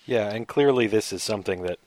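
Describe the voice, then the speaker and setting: A man co-hosting a casual political podcast, whose voice trails off quietly at the ends of phrases. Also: on the low side, a little fast, no room sound. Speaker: podcast co-host.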